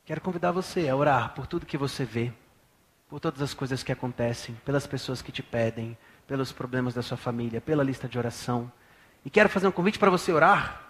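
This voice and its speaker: A pastor in his thirties from Brazil preaching a sermon in a church, swinging from hushed talk to loud bursts. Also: mid-range voice, fairly quick.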